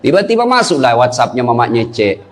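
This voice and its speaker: A man's voice: mid-range voice, a little fast, a little hiss or hum. A middle-aged male Islamic preacher who gives a humorous sermon, joking and calling out to his audience. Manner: joking, animated, calls out to the audience.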